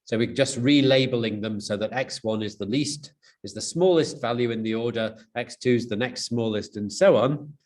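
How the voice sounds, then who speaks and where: A man's voice: medium pitch, moderate pace, darkish tone. A man giving a university lecture, explaining step by step, with frequent fillers and restarts.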